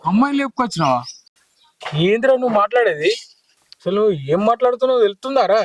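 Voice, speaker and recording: Racing along in a very high voice with no echo, an actor in a village drama plays the younger brother who serves as go-between, urgently coaxing his family in a Telangana Telugu accent.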